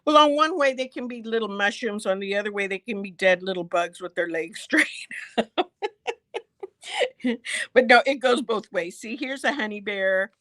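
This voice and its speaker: A woman's voice: medium pitch, moderate pace, pauses often, a bit bright. A middle-aged woman hosting a quilt store's product show, chatting casually and gushing over fabrics with frequent giggles.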